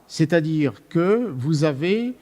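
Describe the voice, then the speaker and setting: A man's voice: on the high side, animated, slow pace, mellow. A man giving an academic lecture to a live audience, thinking aloud and often restarting his sentences. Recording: long reverb of a lecture hall.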